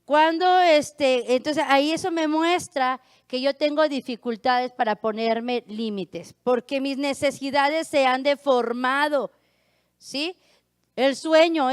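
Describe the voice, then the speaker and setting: A woman pastor with a northern Mexican accent preaching a sermon, hoarse and pushing her voice out, often asking her congregation "right?". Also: high voice, no echo, studio quality. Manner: raises her voice to be heard, frequent rhetorical "¿verdad?".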